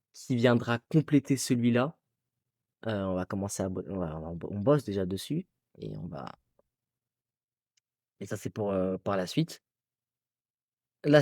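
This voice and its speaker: A man speaking earnestly in casual French-language vlog talk, leaning on key words and now and then restarting a phrase. His voice sits at a middling pitch, recorded close and dry with no room around it. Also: no echo. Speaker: comic book publisher and channel host.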